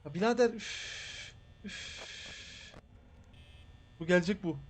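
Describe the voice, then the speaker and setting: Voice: mid-range voice, slow pace, a little hiss or hum. A streamer doing live horror gameplay commentary, grumbling and cursing constantly and shrieking at jumpscares. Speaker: game streamer.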